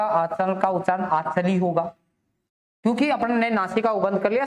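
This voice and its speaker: A man teaching a grammar lesson for exam students. He asks the class questions, answers them himself, and repeats the key terms. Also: high voice. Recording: echoey room.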